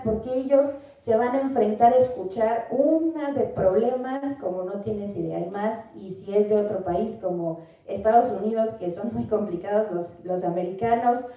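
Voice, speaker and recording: Speaking with a Mexican Spanish accent, a Mexican woman delivers earnest Bible teaching, asking her listener questions along the way. Her voice is medium-pitched and dark in tone. The room echoes, and she is heard from far away.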